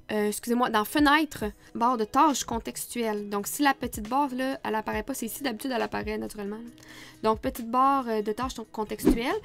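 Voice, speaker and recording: A woman photographer with a Quebec French accent, teaching in a chatty, casual way with frequent laughs. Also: fairly high pitch. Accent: Québécois French. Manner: chatty, laughs often, many fillers. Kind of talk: casual screen-recorded tutorial.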